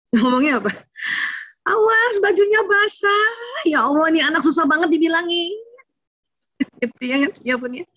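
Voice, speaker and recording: A woman's voice: a little high, a bit bright, lo-fi sound. A woman giving a chatty online talk on parenting to mothers, speaking to them directly and acting out what parents and children say.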